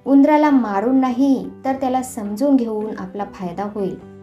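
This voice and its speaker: A woman narrating a children's moral story with expressive, animated storytelling. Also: a little high, moderate pace, lo-fi sound, soft background music.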